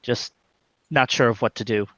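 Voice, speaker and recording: Halting male player, bright voice, dull lo-fi recording. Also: mid-range voice, no room sound. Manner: halting, many uhs. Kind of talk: narrating his character's actions. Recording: dull, dry lo-fi mic.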